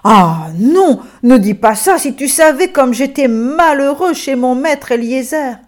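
A woman's voice: sits high, animated, a little slow. A woman voicing a humble, sad young male donkey who talks meekly and with wonder in a storybook tale. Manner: meek, wondering, self-pitying.

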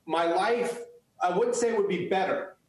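A photographer appearing as an interview guest answers questions earnestly, restarting often. Born in the United States, he grew up speaking Chinese first. His voice is high, his pace moderate, and the recording is very echoey.

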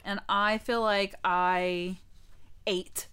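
A woman co-hosting a casual podcast, chatty and animated as she tells stories. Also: medium pitch, drawn-out words, clear, resonant tone. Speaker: podcast co-host.

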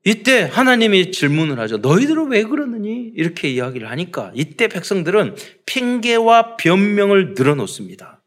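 A man's voice: sits high, big pitch swings, moderate pace, fairly bright tone. A man preaching a sermon to his congregation, asking rhetorical questions and acting out parents and children. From South Korea. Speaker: pastor.

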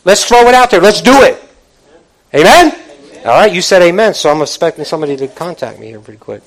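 A man's voice: high-pitched, expressive, fast talker, poor audio. A man, a pastor, preaching a motivational sermon to a congregation in an emphatic, exhorting, colloquial way, repeating phrases and asking rhetorical questions. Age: middle-aged or older. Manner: conversational, colloquial, direct address to listeners.

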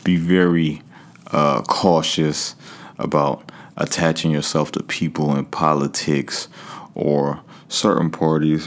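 A man hosting a podcast solo in a casual, slangy, conversational way, talking straight to his listeners. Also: extremely low pitch. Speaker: podcast host.

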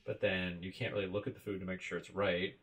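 A man's voice: low voice, level tone, quick pace, a bit bright, rough recording. A young man hosting a casual conversation, asking questions and telling wry, rambling anecdotes with jokey asides. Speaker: podcast host asking questions.

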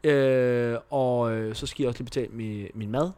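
A man co-hosting a casual podcast, chatting in animated bursts and swearing often. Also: clear, resonant tone. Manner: animated, swears often, jumps up in pitch for emphasis. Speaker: podcast co-host.

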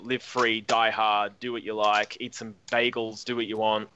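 A man's voice: on the low side, flat delivery, normal speed, sharp tone, muffled recording, slight background noise. A young man co-hosting a casual comedy podcast, reading odd news items with jokey asides. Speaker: podcast co-host.

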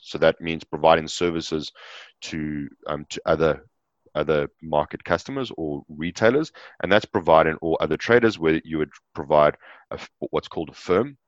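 A man's voice: very deep voice, moderate pace, no room sound, muffled recording. A man with a South African accent, a guest explaining energy trading in an interview, with many fillers and restarts. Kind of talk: interview answers.

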